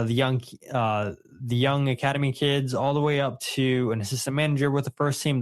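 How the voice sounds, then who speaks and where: Philly-guy chatting soccer on a podcast, rambles and corrects himself a lot. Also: medium pitch. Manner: rambling, self-correcting, reads listener comments. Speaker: podcast co-host. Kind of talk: casual sports podcast chat.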